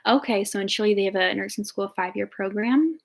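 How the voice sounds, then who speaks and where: Her voice sits in the mid range, moves fairly quickly and carries some vocal fry. She's a twenty-something nursing student from Ohio, casually answering viewers' questions with a talkative, upbeat manner full of fillers.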